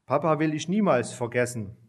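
A man voicing a sad little boy who misses his father, speaking quietly in a children's storybook reading. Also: on the high side, animated, moderate pace. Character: grieving little boy missing his dad.

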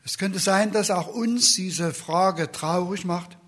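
Male preacher, slightly higher voice, husky, earnest sermon delivery. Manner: slow, earnest, soft whispered questions.

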